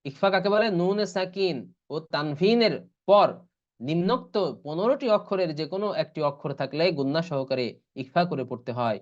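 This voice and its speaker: High-voiced man teaching Quran reading. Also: animated. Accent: Bangladeshi Bengali. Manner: spells out letters and vowel marks, then chants drawn-out recitation examples. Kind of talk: online tajweed lesson. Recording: dull lo-fi online class audio.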